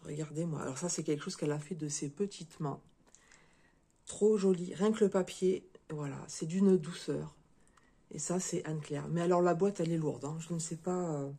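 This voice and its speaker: Lady vlogging, bit hoarse, dark mellow voice, lots of euh and restarts. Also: low voice, normal speed. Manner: hesitant, many fillers and restarts. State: slightly hoarse. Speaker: crafting video creator. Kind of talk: casual unboxing chat to viewers.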